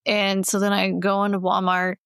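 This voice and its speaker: A middle-aged woman co-hosts a podcast in candid, emotional casual chat. Her voice carries a gravelly fry, sits at a middle pitch, and the close mic sound is dry with no room around it. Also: completely flat delivery, moderate pace, a bit bright, dry recording. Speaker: podcast co-host.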